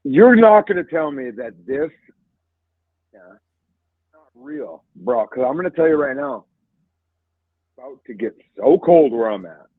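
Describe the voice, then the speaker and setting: A male caller on a bad, breaking-up phone connection, talking in an excitable, rambling way. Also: mid-range voice, a little slow, pauses often, slightly rough. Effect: bad connection, breaking up phone line. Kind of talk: casual call-in chat. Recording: tinny, breaking-up phone line.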